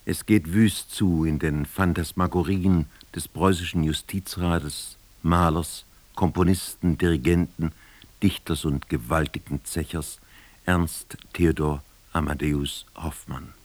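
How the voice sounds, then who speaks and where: Deep male radio narrator, measured and dry, scripted feature voice. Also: fairly even intonation, no room sound.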